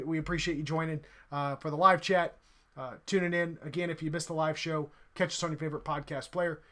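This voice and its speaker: A man's voice: a little high, sharp tone. Man hosting a rambling podcast sign-off. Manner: rambling, full of ums and uhs. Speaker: podcast host. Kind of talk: casual chat.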